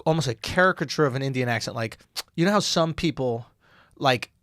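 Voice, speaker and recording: A man's voice: medium pitch, brisk, fairly bright tone, no room sound, clean studio sound. A man co-hosting a comedy podcast, joking crudely and laughing often in loose banter. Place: podcast studio.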